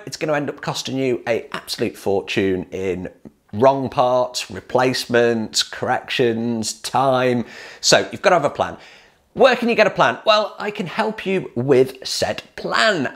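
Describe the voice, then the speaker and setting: Man, 40s, lively sales-pitch vlogger, animated delivery, close studio mic. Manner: energetic, upbeat salesman pitch. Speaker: hot tub builder selling plans. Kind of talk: direct-to-camera promo talk.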